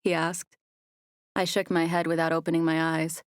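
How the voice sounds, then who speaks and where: A woman narrating a first-person romance audiobook in a soft, even storytelling voice on a close mic. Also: low voice, moderate pace, dry recording.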